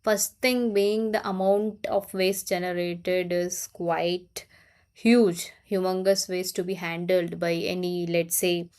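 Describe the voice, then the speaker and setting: A woman's voice: on the low side, little pitch movement, slow pace, darkish tone, clear, resonant tone. Earnest woman hosting an interview. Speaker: host. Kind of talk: casual interview conversation.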